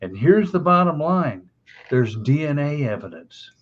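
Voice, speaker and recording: A man's voice: on the high side, sing-song, a little slow, muffled recording. An older man, a veteran investigator, giving emphatic, opinionated panel commentary.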